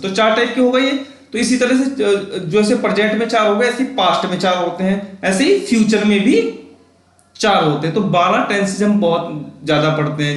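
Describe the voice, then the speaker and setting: A man's voice: high-pitched, echoey room. A man teaching English grammar as a voice-over on his notes, chatty and repetitive, often checking in with his listeners. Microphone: voice-over, speaker not shown.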